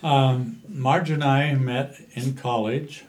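A man in his seventies with a Western American accent, reminiscing in an interview in a halting, unhurried way. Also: mid-range voice, steady tone, darkish tone. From Utah, USA. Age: 70s. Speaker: interview guest, cowboy poet.

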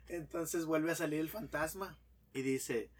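A man's voice: a little high, slow, breathy edge. A man telling a long joke in a casual chat, acting out characters and sound effects. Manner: animated storyteller, acts out characters and sound effects. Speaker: podcast guest telling jokes.

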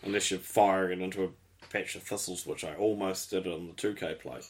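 A man's voice: low voice, fairly even intonation, fairly quick. A man chatting casually as host, rambling through technical details and swearing now and then. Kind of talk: casual chat.

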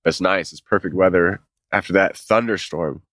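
With a deep, fairly bright voice clogged by a cold, this podcast co-host rambles along at a moderate pace. He keeps things laid-back, swearing casually and laughing a lot. The audio is studio quality, with no room sound.

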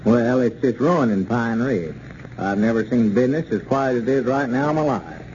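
An actor playing a skeptical, plain-spoken storekeeper, dry and matter-of-fact, in an old radio serial. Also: male voice, medium pitch, animated, normal speed, a little mellow, natural voice. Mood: grumbling. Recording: dull, noisy old radio recording.

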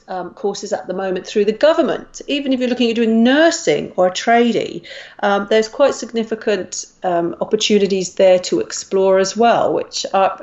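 A woman's voice: medium pitch, a little mellow. Chatty Australian woman with a slightly dull sound. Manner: chatty, with many ums and restarts. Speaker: career coach guest. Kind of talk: podcast conversation.

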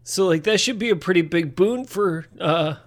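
A man playing a tabletop game, chatting casually in character in a laid-back, halting way. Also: high-pitched. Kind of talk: casual improvised role-play chat.

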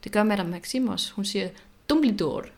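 A woman co-hosting a podcast in casual chat, animated and reflective, often repeating words as she thinks. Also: medium pitch. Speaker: podcast co-host.

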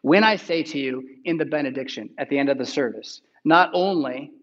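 A man's voice: medium pitch, a little fast, highs cut off. A male pastor preaching a sermon in a conversational way, reading scripture aloud and often checking in with "right?".

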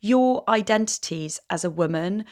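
A woman hosting an interview podcast, reading introductions and putting questions in a measured, articulate way. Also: mid-range voice, animated, darkish tone.

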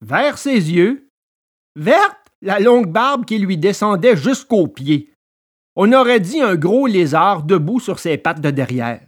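A man narrating a children's story in an expressive, dramatic storytelling manner. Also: high voice, takes it slowly, breathy edge.

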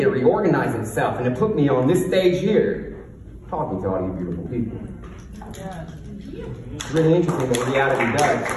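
Speaking from a stage in a large, echoing room, this mid-range-voiced coach addresses an audience with emphatic confidence and rhetorical questions. A lisp turns every R into a W. The recording is distant and reverberant, with a little background noise.

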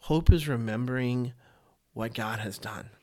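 Male podcast host, mid-pitched, earnest, halting delivery with frequent restarts. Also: mellow. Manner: earnest, halting, with many restarts and repeated words. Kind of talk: casual faith podcast talk.

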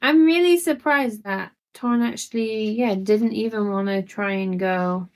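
Animated laughing woman podcast host. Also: medium pitch, unhurried. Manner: animated, laughs often, acts out lines. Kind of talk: casual book discussion.

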